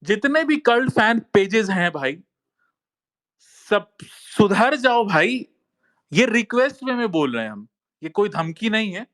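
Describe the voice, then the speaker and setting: A man's voice: high-pitched, big pitch swings, normal speed, fairly bright tone. A man giving a heated monologue in an online talk space, insistent and repetitive, often calling listeners brother. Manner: insistent, repeats phrases and says "bhai" often. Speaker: social media commentator.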